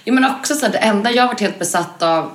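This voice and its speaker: A woman hosting a podcast in casual chat, candid and quick to laugh, swearing offhandedly. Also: fairly high pitch, animated. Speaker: podcast host. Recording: echoey room.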